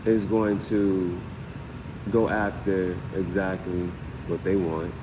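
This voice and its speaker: A man with a deep, steady voice hosts a live tarot reading, speaking slowly over background noise. He rambles conversationally and keeps saying "you know what I'm saying."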